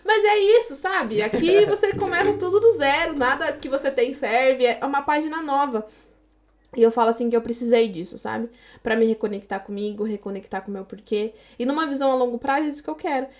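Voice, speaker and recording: A woman's voice: high voice, a little mellow. A Brazilian woman in her thirties, a podcast guest telling her story casually and animatedly, acting out the dialogue she quotes. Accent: Brazilian Portuguese.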